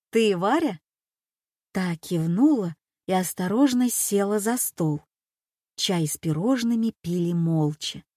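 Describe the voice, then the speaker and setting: A woman narrating an audiobook in a calm, measured storytelling manner. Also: medium pitch, no echo, clean studio sound.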